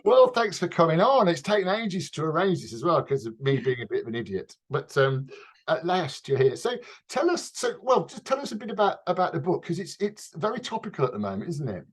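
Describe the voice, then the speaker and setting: A man hosting a radio interview in a chatty, playful way, with the odd theatrical aside. His voice sits fairly high and swings up and down a lot. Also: big pitch swings, brisk, breathy edge. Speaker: radio host.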